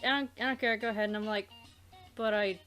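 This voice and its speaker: A let's play host and amateur voice dubber talks fast in a steady, fairly bright, medium-pitched voice with faint music behind her. Her gameplay chat is loose and rambling, often losing its thread.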